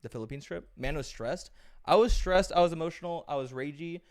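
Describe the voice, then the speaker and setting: A man telling a travel story in an animated, profane, self-mocking way. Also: a little high, brisk. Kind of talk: casual storytelling.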